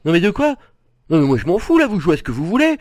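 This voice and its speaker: A man's voice: high-pitched, wildly swooping pitch, fast talker, darkish tone, no echo. An actor playing a confused teenager stuck in a grown man's life, baffled and exasperated.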